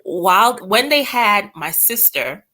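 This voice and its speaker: A woman's voice: mid-range voice, sing-song, slow, sharp tone. A woman from England raised in Guyana and Brooklyn, a guest author telling her family story in an interview, laughing often as she talks. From born in England, raised in Guyana and Brooklyn.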